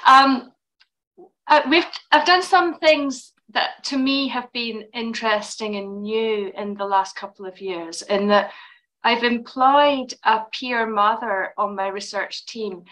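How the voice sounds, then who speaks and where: Higher-voiced woman researcher on a headset. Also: takes it slowly, a bit bright, rough recording. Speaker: clinical researcher, panelist. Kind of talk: panel discussion on a video call. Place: small room indoors. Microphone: headset, video call.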